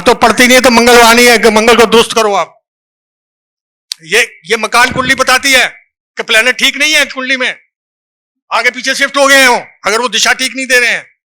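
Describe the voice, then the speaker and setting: A man's voice: very high-pitched, pushed and bright. A man giving a lecture to a live audience as a seminar speaker, reciting verse and quizzing listeners with short questions. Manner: recites lines of verse from a book.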